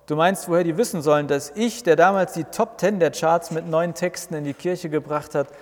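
A man's voice: mid-range voice, moderate pace, lightly acted. A man voicing a grumpy, indignant old male church reformer who blusters and complains, in a reverberant recording. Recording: long reverb.

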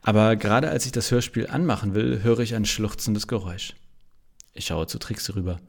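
A man's voice: on the low side, fairly quick, vocal fry. A male pastor narrating a humorous story in a dry, wry manner.

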